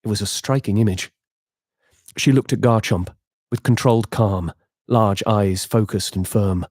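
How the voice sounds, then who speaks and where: A man with a fairly low voice tells a dramatic tabletop epilogue at a measured pace. The sound is dry and close, with no room around it. He reads it as game master, in a scripted style. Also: fairly even intonation, darkish tone, no room sound.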